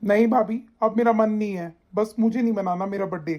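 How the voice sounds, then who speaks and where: A woman voicing a confused, upset young husband in an animated story. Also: medium pitch, fairly quick, natural voice. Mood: bewildered. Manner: bewildered, pleading. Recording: dull lo-fi sound.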